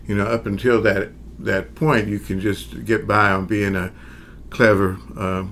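A man in his sixties with a lowish, fairly bright-toned voice and a flat delivery tells stories about his career as a magician in a relaxed interview. He speaks hesitantly and reflectively, with many pauses, fillers and occasional chuckles, over faint background noise.

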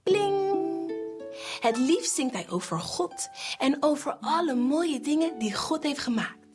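A woman's voice: high-pitched, measured pace, soft background music. A woman telling a children's Bible story, acting out the figures and singing bits. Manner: animated, acts out figures and sings.

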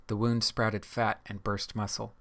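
A man giving a measured, even scripted reading of an audiobook. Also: on the low side. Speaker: audiobook narrator. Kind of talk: scripted narration.

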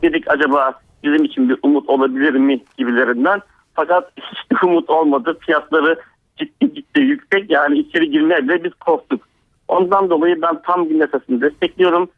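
A teacher in his forties phones in to a radio talk show, speaking earnestly over a landline phone. His voice sits slightly high and sounds thin, like a narrow phone line. There is no room echo at all. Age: 40s. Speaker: radio call-in listener, teacher. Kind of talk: casual call-in comment. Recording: tinny dry phone line.

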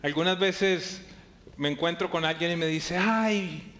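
A man preaching a live sermon as pastor to a congregation, lively, playfully acting out his listeners' voices and joking with them. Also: fairly high pitch, normal speed. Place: church hall before a congregation. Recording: echoey hall with faint background noise.

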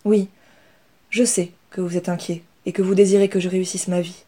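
A woman voicing Inès, a young female rat who speaks calmly and with assurance. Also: on the low side, brisk, natural voice. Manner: calm, steady.

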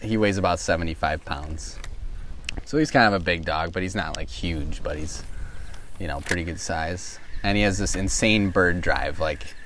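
A man with a fairly low voice tells a casual story while fishing from a boat outdoors. He rambles along, leaning on "like" and "you know," with faint background hiss. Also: moderate pace, a bit bright. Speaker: fishing guest who runs a tree service.

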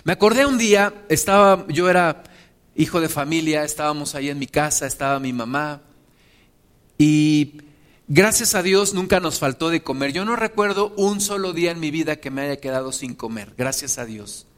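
Man, forties, preacher, sermon, fairly high voice, impassioned. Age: 40s. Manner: impassioned, swells to emphatic high pleas then drops to hushed slow lines.

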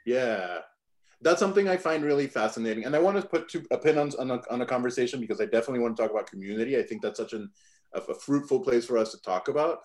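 A man's voice: medium pitch, expressive, fast, a little mellow. A man hosting a podcast interview, talking loosely with many "like" fillers. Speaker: podcast host. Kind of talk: conversational interview.

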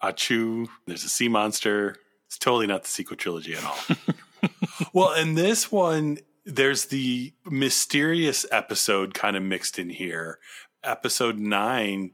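A man's voice: medium pitch, fairly bright tone. A man co-hosting a casual discussion show, chatting in a conversational way. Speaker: podcast host. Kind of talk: casual chat, pop-culture discussion.

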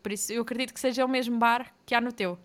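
Young woman, fast, slightly high, animated recapper. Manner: animated storyteller, mocking recap. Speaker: podcast co-host. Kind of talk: casual book chat.

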